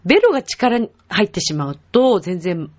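A woman's voice: medium pitch, very animated, moderate pace, darkish tone. A woman teaching a vocal lesson, patiently explaining and demonstrating sounds for her listeners to copy. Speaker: singing teacher. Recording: dull lo-fi web show audio.

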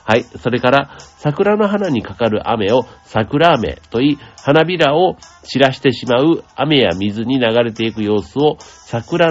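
A man hosting a radio show, explaining things in a gentle, chatty way with many asides and fillers. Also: mid-range voice, dull audio. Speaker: radio host. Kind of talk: casual explanatory radio talk.

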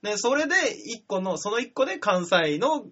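Husky, playful comedian co-host. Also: male voice, high-pitched, big pitch swings, normal speed, fairly bright tone, dull audio. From Shimane, Japan. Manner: playful, self-mocking comebacks. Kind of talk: casual comedic banter.

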